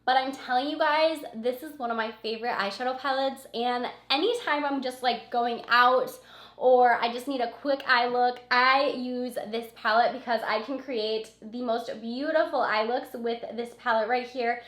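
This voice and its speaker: At a normal speed and with a steady tone, a woman with a cold chats casually about beauty products she loves, often repeating words for emphasis. Her scratchy, sniffly voice is fairly high and a bit bright, heard in an echoey room.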